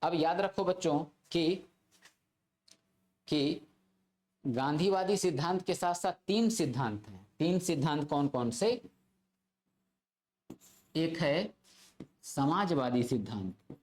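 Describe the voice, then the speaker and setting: A man's voice: a little high, expressive, slow, pauses often, darkish tone. A male teacher giving a classroom lecture to exam students, repeating key phrases and checking in with his listeners again and again. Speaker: polity teacher.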